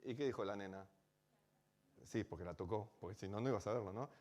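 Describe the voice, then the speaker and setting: A man's voice: lowish voice, fast talker, a little mellow. A man with a Rioplatense Spanish accent, a rabbi telling a story in a sermon, chatty and full of rhetorical questions. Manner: conversational, asks rhetorical questions.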